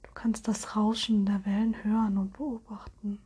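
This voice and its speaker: A woman guiding a relaxation hypnosis in a soft, soothing, airy spa whisper with gentle suggestions. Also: mid-range voice, level tone, moderate pace, slightly rough. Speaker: hypnosis guide.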